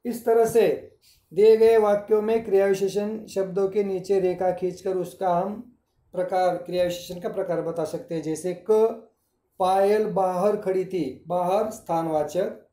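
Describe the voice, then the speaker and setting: A man's voice: high-pitched, steady tone, unhurried, warm tone, reverberant. A male school teacher giving a recorded grammar lesson, explaining step by step and repeating each answer.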